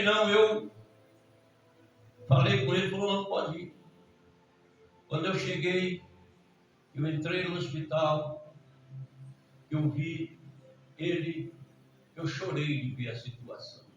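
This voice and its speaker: A Brazilian pastor with a strikingly high voice preaches a Pentecostal sermon, dropping to a hush for stories and rising to shouts with repeated hallelujahs. He is heard from a distance, his words ringing through a cavernous church with faint ambience behind. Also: dull audio, a little hiss or hum. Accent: Brazilian Portuguese. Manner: swings from hushed storytelling to shouted preaching, frequent hallelujahs. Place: church sanctuary. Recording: very echoey church from far off.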